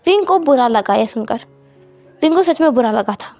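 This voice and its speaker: A woman with a high voice tells a fanfiction story, lively and expressive in her delivery. Faint music plays softly behind her. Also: moderate pace, no room sound.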